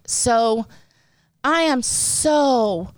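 A woman's voice: on the high side, lively intonation, drawn-out words, no echo, studio quality. A woman co-hosting a podcast, talking in an earnest, emotional and emphatic way about showing up for others. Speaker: podcast co-host. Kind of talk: heartfelt casual podcast talk.

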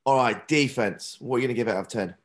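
A man hosts a casual sports podcast in a hoarse voice, worn out from cheering and shouting. His pitch sits in a middle range, and he keeps the talk loose and conversational. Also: quick pace. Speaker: podcast host.

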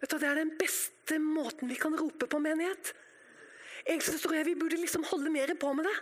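A woman preaching with fervour, her voice sitting very high. She moves between ringing cries and near-whispers as she addresses her congregation. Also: steady tone. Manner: impassioned, dramatic, shifts between loud cries and hushed whispers. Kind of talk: sermon.

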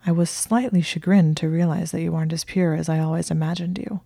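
A woman's voice: low-pitched, fairly even intonation, quick pace, creaky, mellow, no room sound, studio quality. A woman reading a smug, wordy young wizard. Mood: teasing.

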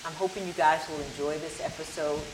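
A woman's voice: sits low, steady tone, brisk, noisy background. A woman hosting a casual cooking show, chatty and repeating phrases for emphasis, recorded in a kitchen. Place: home kitchen. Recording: echoey kitchen with guitar music.

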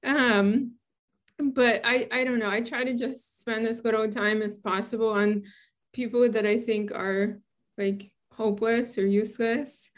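A woman's voice: a little high, fairly even intonation, measured pace. A woman in her thirties from Brooklyn, a scientist answering interview questions in a chatty way and laughing often. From Brooklyn, New York. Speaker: guest scientist.

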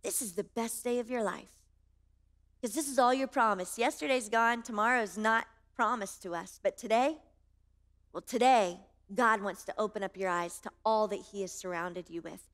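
A woman's voice: medium pitch, moderate pace, a bit bright. A woman in her thirties preaching a sermon, impassioned and emphatic, building through repeated phrases. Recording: long hall reverb.

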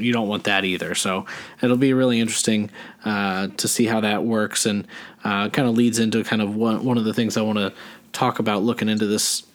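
A man, co-hosting a casual sports podcast. He rambles easily, stops and restarts often, and fills his pauses with "uh" and "um.". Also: fairly low pitch, fairly bright tone. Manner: rambling, filler-heavy, many restarts. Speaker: podcast co-host.

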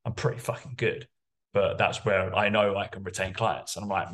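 Low-voiced candid male personal trainer. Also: level tone, moderate pace, a bit bright. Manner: candid and rambling, swears often. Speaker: personal trainer and course creator. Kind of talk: casual podcast conversation.

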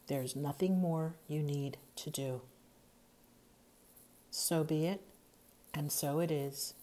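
A woman narrating a scripted guided meditation in a soothing, hypnotic, measured way, softening into breathiness at the ends of phrases. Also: low-pitched. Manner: soothing, measured, hypnotic delivery with long pauses.

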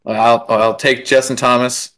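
A man's voice: mid-range voice, level tone, moderate pace, a bit bright. A man in a casual podcast chat who laughs often and swears in easygoing banter.

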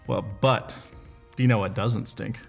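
A man cutting into the show with a hijacked-broadcast mock commercial, delivered in a deadpan, self-mocking way. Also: lowish voice, unhurried, creaky, soft background music. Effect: hijacked broadcast, a mock interruption of the show.

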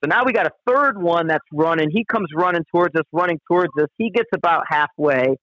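A man's voice: a little high, fairly quick, fairly bright tone, no room sound. A man telling a long outdoor story in casual conversation, rambling and profane, with frequent restarts. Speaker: guest storyteller. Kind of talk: casual spoken anecdote. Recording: dull, dry lo-fi recording.

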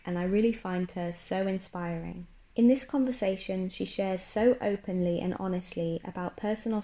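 A woman's voice: fairly low pitch, warm tone. A woman from Wales hosting a podcast, reading an earnest introduction and putting a question to her guest. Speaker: podcast host. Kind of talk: read introduction and interviewing.

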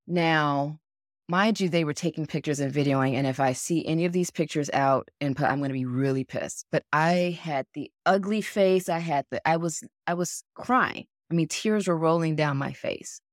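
A woman in her forties with a low, deep speaking voice tells a personal story on a podcast. She is frank and animated, swears now and then and acts out other people's words. The sound is dry, with no room echo. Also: normal speed. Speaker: podcast co-host. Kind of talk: casual storytelling.

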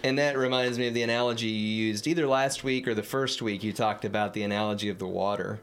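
A man's voice: fairly low pitch, fairly even intonation, fast, a little hiss or hum. A man in a reflective spiritual discussion, talking thoughtfully with frequent repeated words.

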